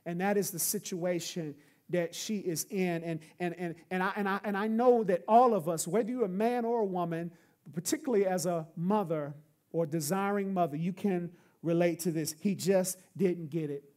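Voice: mid-range voice, normal speed, a little mellow. A pastor preaching a sermon in an emphatic style, driving points home with repeated refrains.

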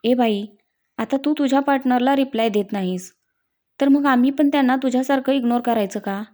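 A playful young woman who loves to tease her friends, as a woman narrator puts her on. Her voice sits a bit high with a soft, warm tone, and she talks with a cheeky bounce. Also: fairly quick, natural voice. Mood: teasing.

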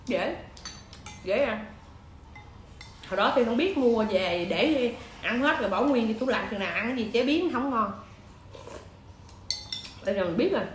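Lady talkin with a mouthful of shrimp, kinda high voice, echoey room, dishes clinking. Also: animated, normal speed, pauses often. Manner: chatty, talks between bites. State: chewing shrimp. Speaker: mukbang vlogger. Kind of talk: casual eating vlog chat. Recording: echoey room with clear background noise.

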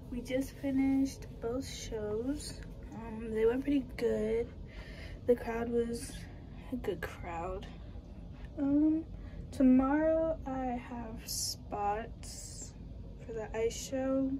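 Young woman, twenties, casual phone vlog, half-whispered updates, slow, noisy background. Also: a little high. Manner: relaxed, matter-of-fact, often half-whispered. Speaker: cruise ship dancer vlogger. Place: small cabin on a cruise ship. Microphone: phone held at arm's length.

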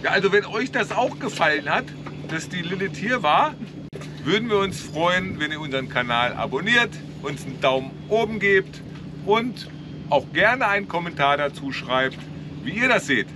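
A man's voice: sits high, normal speed. Older guy hosting a sailing vlog on deck, bouncy and jokey, windy boat noise on the cam. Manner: lively, cheerful, joking. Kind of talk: casual chat. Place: outdoors on a sailboat deck.

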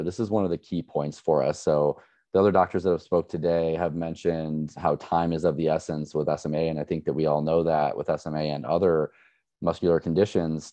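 A man giving an earnest, measured personal account as a parent at an education session, with frequent restarts. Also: extremely low pitch, dark tone, no room sound. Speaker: parent speaker.

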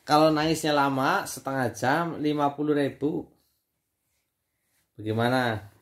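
A man, a father filming a home video and gently teasing his daughter. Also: a little high, fairly even intonation. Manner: teasing, coaxing, slow-spoken. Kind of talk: casual family home video.

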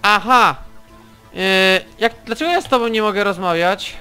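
Man, high bright clear voice, unhurried let's-play commentary, taunts foes, faint music under. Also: animated. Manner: swears and taunts enemies while playing. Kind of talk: casual gameplay commentary.

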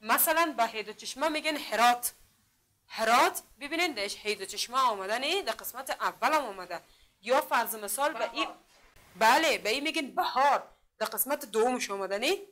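A woman with an Afghan Dari accent teaching a literacy class. She sounds out letters and syllables slowly, asks the class questions again and again, and praises their answers often. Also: on the high side, animated, fairly bright tone. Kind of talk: classroom lesson.

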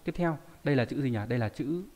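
A man's voice: mid-range voice, fast talker, darkish tone. A man teaching a live online lesson, reading out viewer names and explaining word readings with frequent rhetorical questions. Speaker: Japanese teacher.

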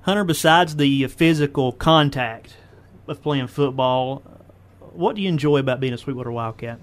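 A man hosting a local high school sports radio show, asking folksy leading questions. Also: normal speed. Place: radio studio.

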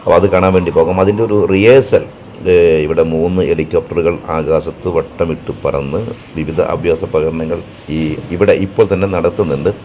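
A man with a Kerala Malayali accent narrating a casual travel vlog in halting, repetitive phrases. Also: deep voice, a little mellow. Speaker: vlogger and narrator. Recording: clear background noise, outdoor ambience.

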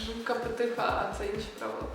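A woman's voice: fairly high pitch, very animated, very fast, a loud crowd. A young woman in casual chat, reading quiz questions aloud and teasing her friend with frequent giggles. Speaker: vlogger quizzing a friend. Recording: echoey room, mic at a distance, music behind.

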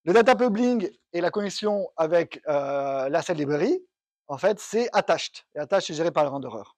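A man's voice: fairly high pitch, animated, moderate pace, darkish tone, no echo. A man giving a technical conference talk, explaining step by step and thinking aloud with restarts. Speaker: conference speaker. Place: conference room.

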